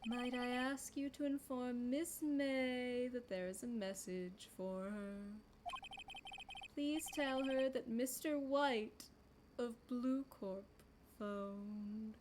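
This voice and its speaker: A woman's voice: on the high side, takes it slowly, noisy background. A woman voicing a courteous, servile hotel bellboy with a chirpy, formal, old-fashioned bellhop manner.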